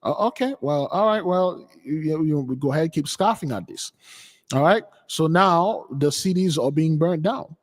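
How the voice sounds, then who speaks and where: A man's voice: a little high, lively intonation, moderate pace, in a large hall. A man hosting a religious commentary on news clips, talking in a scoffing, repetitive, conversational way. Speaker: host.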